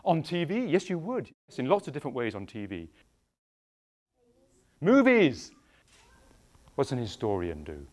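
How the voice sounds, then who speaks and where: A middle-aged English actor with a mid-range voice speaks at normal speed but leaves long pauses. Using a clip-on microphone, he hosts an interactive children's show, animatedly questioning and teasing the audience.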